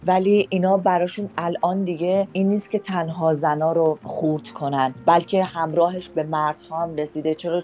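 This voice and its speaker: A woman's voice: lowish voice, darkish tone. A woman guest on a talk podcast, indignantly recounting her own run-ins with officials.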